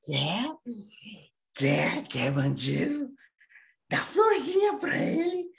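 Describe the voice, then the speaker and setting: A man's voice: on the high side, big pitch swings, unhurried, vocal fry, full character voice. A man playing a mocking reactionary man who taunts with scornful repeated questions, over a video call. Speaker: theatre workshop participant.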